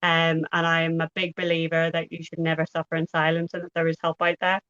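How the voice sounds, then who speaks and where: An Irish woman in her thirties speaks in a low, fairly flat voice, keeping her pace measured and deliberate as she explains her work on a podcast. The sound is dry and a little dull. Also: no room sound. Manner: measured, deliberately slowed speech. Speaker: podcast guest, pelvic health physio. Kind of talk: casual podcast chat. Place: at a co-host's home.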